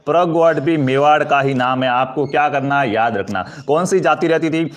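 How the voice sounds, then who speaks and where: A man's voice: fairly high pitch, moderate pace. A man teaching an exam-prep history lesson, asking questions and answering them himself while calling his students friends. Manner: addresses students as friends, asks for comments and likes.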